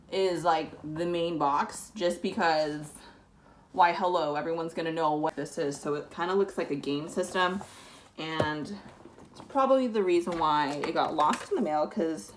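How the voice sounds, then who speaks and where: A young adult woman vlogging casually at home, chatty and bubbly with quick asides. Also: fairly low pitch, noisy background. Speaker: wellness vlogger. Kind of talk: casual vlog chat. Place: home, indoors.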